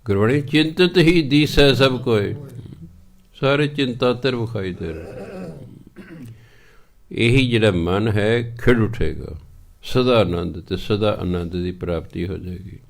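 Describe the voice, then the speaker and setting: A man with a Punjabi accent preaching on scripture, reciting verses slowly and then explaining them, often repeating phrases. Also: lowish voice, lively intonation, gravelly. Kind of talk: scripture exposition sermon.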